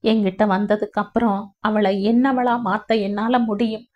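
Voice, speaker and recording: A woman's voice: medium pitch, fairly even intonation, moderate pace, a little mellow, close to an everyday voice. A woman voicing a possessive, lovesick young village man who pleads earnestly in a storybook reading. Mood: pleading. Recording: dull lo-fi audio.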